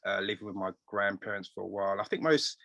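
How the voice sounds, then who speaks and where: Fast-talking man telling stories. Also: lowish voice, gravelly, dry recording. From England. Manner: rambling, animated retelling with quoted voices. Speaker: guest tailor. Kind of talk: casual interview storytelling.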